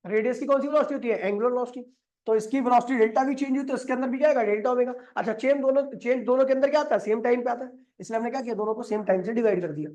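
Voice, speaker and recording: A man's voice: very high voice, rapid-fire, a little mellow. Man teaching, quizzing and answering himself. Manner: asks questions and answers them himself; repeats key steps, mixing in English terms. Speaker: physics teacher. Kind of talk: explaining on a board.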